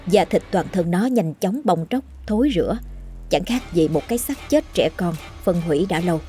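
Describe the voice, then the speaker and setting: A woman narrating a scripted horror story in a steady, measured way. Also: lowish voice, faint music behind.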